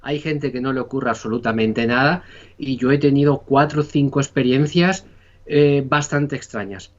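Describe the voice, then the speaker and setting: Spanish-accented male guest, casual rambling storyteller, medium pitch, dull lo-fi sound. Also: steady tone, normal speed. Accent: Spanish (Spain). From Spain. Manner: rambling, many fillers and restarts. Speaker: podcast guest. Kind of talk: casual conversation.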